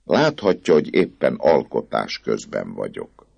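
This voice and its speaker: A man voicing a nervous, boastful male poet who talks in a rapid, fussy patter. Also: a bass voice, wildly swooping pitch, vocal fry, a little mellow, slightly rough, dry recording, lo-fi sound, voice pushed up, exaggerated voice. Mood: chattering, scheming.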